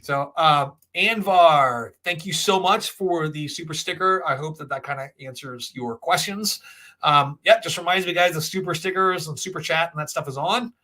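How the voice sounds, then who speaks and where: A man's voice: fairly high pitch, moderate pace, bright, forceful tone. A man hosting a casual livestream, giving opinionated, rambling off-the-cuff commentary and often checking in with a tag question. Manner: opinionated, rambling, often tagging points with "right?". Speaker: host of a financial Q&A livestream.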